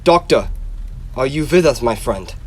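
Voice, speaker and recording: A man's voice: medium pitch, animated, a little slow, close to an everyday voice. A young man in a radio drama playing a grave, insistent professor who hunts vampires, speaking in an emphatic, solemn, theatrical way. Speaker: actor in a school radio drama.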